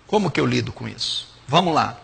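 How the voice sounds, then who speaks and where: A man's voice: mid-range voice, expressive, a little fast, gravelly, fairly bright tone, breathy edge, long reverb tail. A male pastor giving a frank, direct teaching sermon, listing points one by one. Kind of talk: teaching sermon answering a question.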